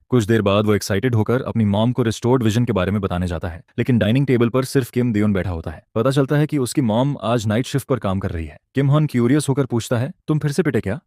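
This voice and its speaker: A man narrating a story recap in a scripted, even storytelling delivery. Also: on the low side, no echo, clean studio sound.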